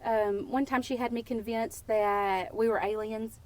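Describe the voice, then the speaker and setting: A woman from Texas, a podcast guest telling casual, playful stories in a lively way. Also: on the high side, measured pace. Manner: lively, playful and warm-humored. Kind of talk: casual storytelling.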